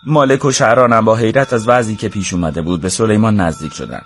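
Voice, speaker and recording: A man narrating a storybook in an even, measured way. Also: on the low side, a little hiss or hum.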